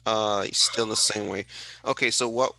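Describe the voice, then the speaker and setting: Mężczyzna prowadzący webinar przez połączenie wideo, mówi z kaznodziejskim zapałem i powtarza hasła dla podkreślenia. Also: male voice, on the low side, fairly even intonation, normal speed, vocal fry, sharp tone, low-quality recording. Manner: preachy, rallying, repeats for emphasis. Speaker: host. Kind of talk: motivational webinar hosting. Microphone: video call.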